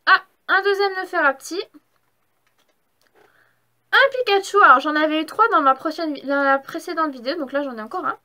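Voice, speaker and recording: A woman's voice: high-pitched, fast, few pauses, pushed and bright. A young woman chatting casually as she opens trading card packs, enthusiastic and gushing over each card. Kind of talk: casual unboxing vlog.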